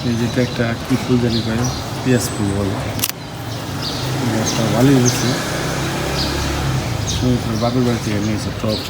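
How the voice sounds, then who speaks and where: A man films a casual home vlog. He shows balcony plants in a low voice and coaxes his sleeping children by calling them loudly again and again. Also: flat delivery, moderate pace, pauses often. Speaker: vlogger and father. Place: home balcony garden and bedroom. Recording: street and bird noise behind.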